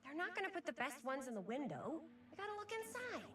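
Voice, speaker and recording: A teenage girl in a video game, wry and adventurous. Her voice is fairly high and swings animatedly, sitting a little way off from the mic. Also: very animated, fast, fairly bright tone, a little hiss or hum. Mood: wry, upbeat. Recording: slightly distant game dialogue.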